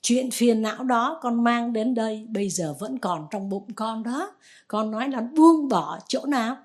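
A woman voicing a calm, patient Buddhist master who gently questions a disciple. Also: fairly high pitch, measured pace. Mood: probing.

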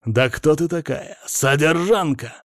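A man reading an audiobook, voicing a domineering wealthy husband who shouts with scorn. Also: fairly high pitch, lively intonation, unhurried, dry recording, clean studio sound, pitched above the performer's own voice. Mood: furious.

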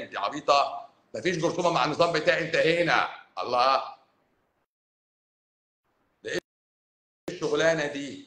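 Fast-talking Cairene doctor, roomy echo. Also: male voice, fairly high pitch. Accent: Cairene Egyptian Arabic. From Egypt, Cairo. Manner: animated, scolding and joking with viewers. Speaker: doctor hosting a live stream. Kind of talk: casual live-stream talk to viewers. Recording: roomy echo, faint background noise.

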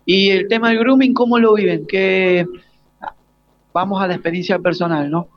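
A radio interviewer in his forties, Argentine-accented, talks casually with students in a live broadcast that sounds dull and lo-fi, with no echo. His voice is high with fairly even intonation, and he halts often to rephrase his questions.

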